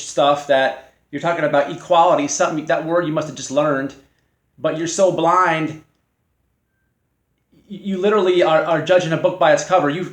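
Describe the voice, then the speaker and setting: Hosting his own channel, a man fires back at a rival with mocking, confrontational remarks. His speech is halting, packed with fillers and restarts, in a fairly high pitch recorded in an echoey room.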